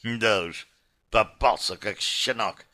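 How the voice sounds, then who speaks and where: A man's voice: medium pitch, unhurried, pushed and bright, clear, resonant tone. A man voicing a smirking, coarse kidnapper. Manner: smirking, offhand. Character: smug male kidnapper, coarse and scoffing.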